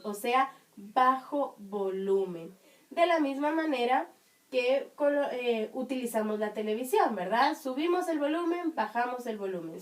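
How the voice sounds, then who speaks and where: A woman teaching young children, explaining patiently with many checking questions, her high voice strong and carrying. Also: distant mic. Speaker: primary school teacher. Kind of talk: online class for children.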